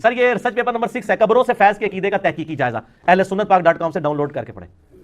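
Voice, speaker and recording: Male religious lecturer, fairly high voice, Punjabi-flavored Urdu, dry sarcastic delivery. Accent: Punjabi-inflected Urdu. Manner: sarcastic, mimics opponents in quoted asides.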